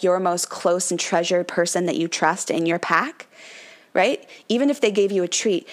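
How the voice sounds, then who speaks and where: A woman hosting a numerology podcast in casual talk, laughing often and filling her speech with "like" and "right?", slipping into brief mock voices. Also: medium pitch. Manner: chatty, laughs often, says "like" and "right?" a lot; dips into mock voices playing the number. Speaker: podcast host, numerology coach.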